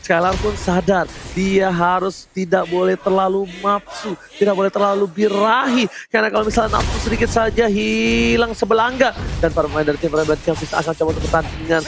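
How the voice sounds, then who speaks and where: High-pitched, rapid Indonesian male game announcer. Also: creaky. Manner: excitable, dramatic, repetitive hype calls with wordplay. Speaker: esports play-by-play caster. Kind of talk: fighting game announcer style esports commentary. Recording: music behind the voice. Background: music.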